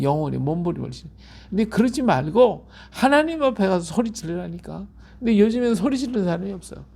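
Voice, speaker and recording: Gravelly-voiced pastor man, emphatic sermon. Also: sits high, dark tone. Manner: emphatic, repetitive, asks listeners for agreement. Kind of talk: Bible-reading sermon.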